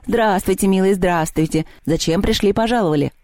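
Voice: medium pitch, fairly quick, a little mellow, dry recording, studio quality, voice pushed up, natural voice. A reader voicing an old male house spirit who talks in a folksy, kindly, old-fashioned way.

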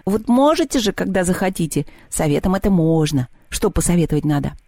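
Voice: medium pitch, lively intonation, fairly quick, mellow, no echo, studio quality. A reader voicing an old male house spirit who talks in a folksy, kindly, old-fashioned way.

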